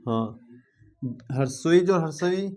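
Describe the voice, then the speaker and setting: A man teaching a grammar class in a voice a little higher than most men. He talks the class through each rule, asks questions and keeps checking that they follow. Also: lively intonation, a little slow, darkish tone. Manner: drills with repeated check-ins, asking the class questions. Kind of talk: grammar lesson.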